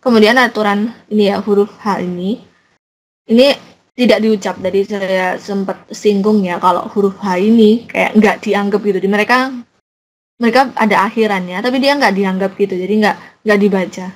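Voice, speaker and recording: A woman's voice: medium pitch, fairly even intonation, moderate pace, rough recording. A young woman teaching a casual online language lesson, explaining in a chatty way with many fillers and self-corrections.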